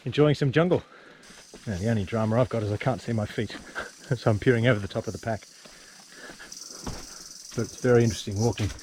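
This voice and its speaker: A travel vlogger narrates a casual tour, mostly outdoors, in a lowish, brisk, slightly mellow voice broken by long pauses. His tone is wry and understated but appreciative, and the handheld recording picks up ambient noise.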